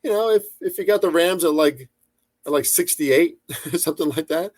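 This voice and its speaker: A man's voice: on the high side, moderate pace, darkish tone, dry recording, clean studio sound. Casual, profane male sports bettor. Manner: loose and profane, full of fillers and restarts; hedging, chatty asides. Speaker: sports betting commentator. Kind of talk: casual sports betting commentary.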